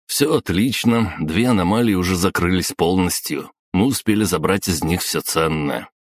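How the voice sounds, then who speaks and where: A man's voice: low-pitched, moderate pace, no room sound. A man voicing a serious, loyal male assistant, a former taxi driver, who speaks in a restrained and businesslike way in an audiobook. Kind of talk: audiobook character voice.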